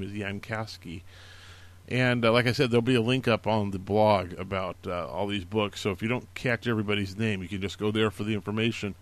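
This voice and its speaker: A man hosting a casual show, recommending books in an earnest, encouraging way, with many fillers and restarts. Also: on the low side. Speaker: podcast host recommending books. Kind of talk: casual spoken book recommendations.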